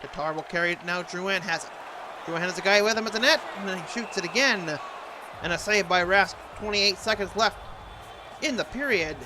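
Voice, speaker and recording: A man's voice: sits high, normal speed, a crowd in the background, background noise, natural voice. A man doing an impression of an earnest TV hockey play-by-play announcer, calling a video game in clipped present-tense phrases. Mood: excited.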